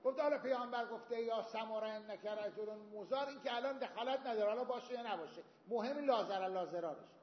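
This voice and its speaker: Male seminary teacher, high voice, explanatory lecture style, roomy hall recording. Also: few pauses. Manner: explains with everyday examples, quotes Arabic texts. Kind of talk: Islamic jurisprudence lecture. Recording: echoey hall, dull lo-fi sound.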